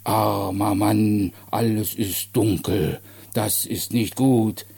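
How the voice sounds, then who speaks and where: A man voicing a simple, excitable grown man who claims to be God, in short broken sentences with a booming bass voice. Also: slow pace, gravelly, breathy edge, heavily acted. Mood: fretful.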